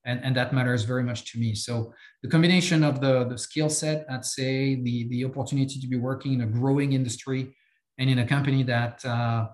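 Speaking in an echoey room, a French company chief executive in his fifties guests on a podcast with a French accent. He has a mid-range, steady, darkish voice and a halting delivery packed with fillers and repeated words.

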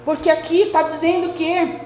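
A woman pastor delivers a sermon in a high voice. She preaches conversationally and keeps turning to her listeners. The recording is echoey, with a faint hum of ambience behind her. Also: flat delivery, normal speed, darkish tone, dull audio. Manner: conversational preaching, addressing the congregation often. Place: church hall.

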